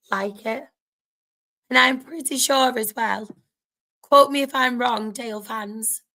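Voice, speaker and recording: A woman's voice: on the high side, vocal fry, a bit bright, low-quality recording. A woman with a sore, strained throat, chatting casually to viewers as host of a football fan livestream.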